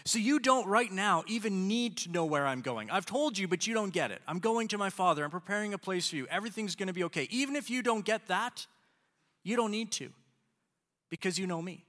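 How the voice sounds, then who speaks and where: A preacher voicing a calm male teacher who gently reassures his followers. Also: sits high, fairly quick, in a large hall. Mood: reassuring.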